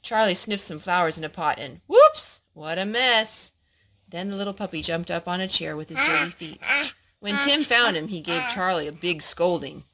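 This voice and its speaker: Acting as storyteller, a woman reads a kids' story aloud with plenty of expression for a young audience. She pauses to explain and ask questions, speaking in a somewhat low voice.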